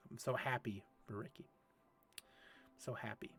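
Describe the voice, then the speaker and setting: A man in his late thirties hosts a casual livestream, reading and answering chat questions in a chatty, easygoing way. His voice sits at a medium pitch, and he laughs often. Faint music plays in the background. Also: fairly even intonation, measured pace, a bit bright. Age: 30s. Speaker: esports league host.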